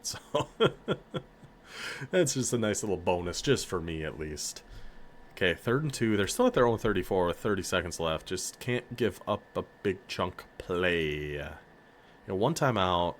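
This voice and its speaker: Low-voiced excitable man commentating a game. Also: a little hiss or hum. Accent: American northern. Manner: excitable, hypes up players, laughs often. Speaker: gaming YouTuber.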